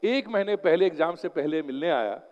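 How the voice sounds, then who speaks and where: A man's voice: fairly high pitch, animated, moderate pace, darkish tone, highs cut off. A man giving a motivational seminar talk as an exam coach, telling stories and mixing English phrases into his Hindi. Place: lecture hall. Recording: long hall reverb.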